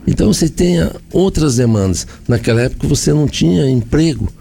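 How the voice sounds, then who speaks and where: A man's voice: a little high, lively intonation, brisk, gravelly, mellow, slight background noise. A man with a Brazilian accent, a mayor answering in a radio interview, explaining and listing points with repeated phrases.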